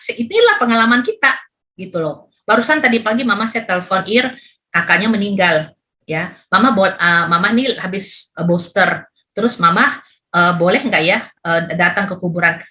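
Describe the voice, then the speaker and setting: A middle-aged woman pastor from Indonesia preaching with chatty, expressive personal stories. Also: medium pitch. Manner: chatty, expressive storytelling with rising exclamations.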